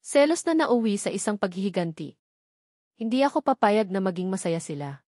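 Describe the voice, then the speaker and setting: Narrating a first-person audio novel from a script, a Filipino-accented woman speaks at medium pitch in a slightly mellow voice. The studio-quality recording has no echo.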